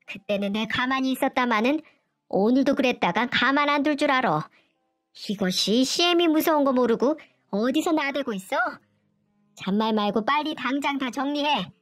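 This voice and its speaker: A woman voicing a harsh, scolding older mother-in-law who nags with contempt in a storybook narration. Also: close to an everyday voice. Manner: shrill, nagging, contemptuous.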